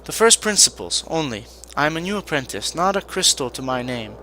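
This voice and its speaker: A man's voice: on the high side, sing-song, brisk, pushed and bright, slight background noise, low-quality recording. A man voicing a young male Vahnatai apprentice mage who speaks stiffly and formally.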